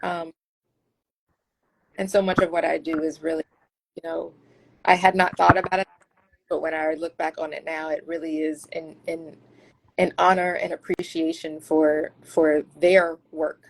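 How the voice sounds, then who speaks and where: Woman guest talking about her research, earnest, kinda halting, gravelly fry in her voice. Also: low voice, level tone, no echo, poor audio. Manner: earnest, thoughtful, with halting restarts. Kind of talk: casual interview talk.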